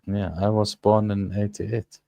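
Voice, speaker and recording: A man, speaking English as an in a casual panel chat and often pausing to search for words. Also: on the low side, flat delivery, creaky, warm tone, no room sound. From Germany. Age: 30s. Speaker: panel guest.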